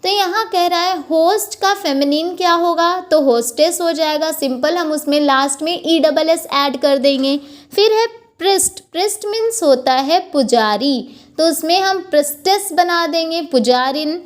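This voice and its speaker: A woman's voice: extremely high pitch, moderate pace. A woman teaching a grammar lesson, patiently repeating points and spelling words out letter by letter.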